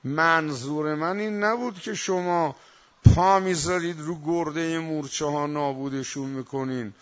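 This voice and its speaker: A man giving a religious sermon, moving between quiet asides and loud, emphatic recitation. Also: fairly high pitch. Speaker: preacher. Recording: dull lo-fi recording.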